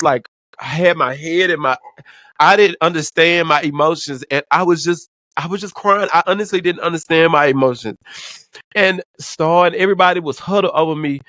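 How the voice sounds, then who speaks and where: Halting, emotional man telling his story. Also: on the high side, pushed and bright, dry recording. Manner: halting, repeats words, frank and profane. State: emotional, near tears. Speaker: vlogger.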